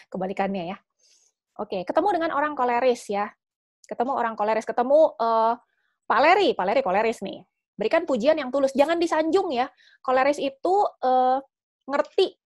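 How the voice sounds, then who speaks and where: Lively woman teaching. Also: high-pitched, no echo, studio quality. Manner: lively, animated, chatty with fillers. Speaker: personality talk presenter. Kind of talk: casual teaching talk.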